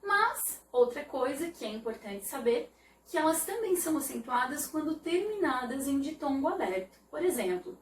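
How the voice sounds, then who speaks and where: Woman, teacher, unhurried explanation, echoey room, faint background noise. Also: sits high, big pitch swings, far from the mic. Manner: slow, careful explanation with repeated "né?". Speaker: Portuguese teacher. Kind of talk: online video lesson.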